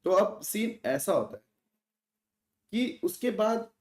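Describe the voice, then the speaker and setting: A man's voice: sits high, very animated, slow. A young man with an Indian accent chatting casually with his livestream viewers, talking straight to the chat and dropping English words in. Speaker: gaming livestreamer. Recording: roomy echo.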